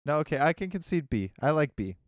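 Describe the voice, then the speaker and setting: A man's voice: a little high, sing-song, fast talker, dry recording, clean studio sound. A man co-hosting a podcast in casual chat, enthusiastic and emphatic. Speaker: podcast co-host.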